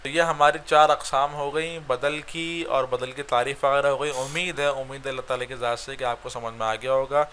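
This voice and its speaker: Bright-voiced male grammar teacher. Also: medium pitch, flat delivery, hardly any pauses, a little hiss or hum. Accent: Pakistani Urdu. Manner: explains step by step, asking "right?" after each point. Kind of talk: recorded online lecture.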